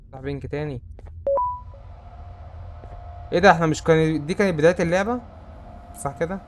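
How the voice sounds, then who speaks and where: Egyptian male let's-player, young, nervous and chatty, raised pitch, noisy desk mic. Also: racing. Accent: Egyptian Arabic. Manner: chatty, jumpy, easily spooked. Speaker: gamer. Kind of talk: let's-play commentary.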